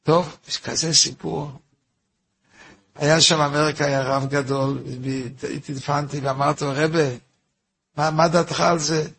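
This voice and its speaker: A man's voice: on the high side, fairly even intonation, vocal fry, pauses often, a bit bright, breathy edge. A man, a rabbi giving a weekly Torah lesson, tells a story in a repetitive way, asks himself rhetorical questions and turns to his listeners with informal asides.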